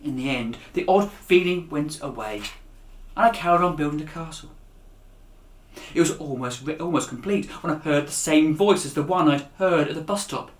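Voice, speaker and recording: An author reads his own children's book aloud in an echoey room, with dramatic, expressive delivery. He raises his voice for dialogue and drops to a hush at endings. His voice is a little high, at normal speed.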